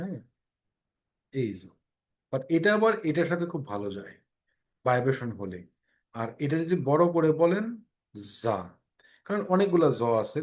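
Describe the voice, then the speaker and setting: A man's voice: a little high, a little mellow. A man teaching an online English pronunciation class, explaining sounds patiently, repeating them many times, and checking in often with his listeners. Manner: explains slowly, repeats sounds and tongue twisters with drawn-out English phrases.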